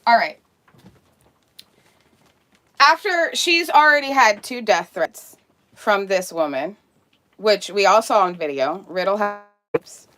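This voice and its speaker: A woman's voice: medium pitch, lively intonation, takes it slowly, pauses often, fairly bright tone. A woman streamer talking casually, ranting in a heated, sarcastic and profane way.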